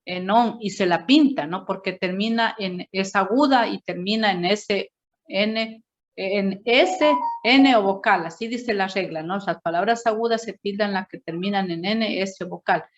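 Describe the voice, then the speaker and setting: A woman teacher explaining a grammar point slowly to a class, checking in with "no?" after each point. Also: mid-range voice, muffled recording, slight background noise. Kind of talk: classroom teaching, correcting a student presentation.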